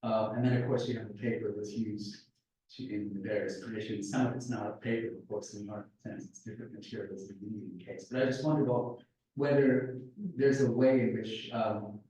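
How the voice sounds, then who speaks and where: A man with a low, mellow voice puts a rambling question to a conference panel, thinking aloud with many uhs and ums. He is far from the mic, and the room's heavy echo surrounds him. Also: steady tone, fairly quick, a little hiss or hum. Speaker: audience member asking a question. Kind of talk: thinking aloud while asking. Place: conference room. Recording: echoey room, far from the mic.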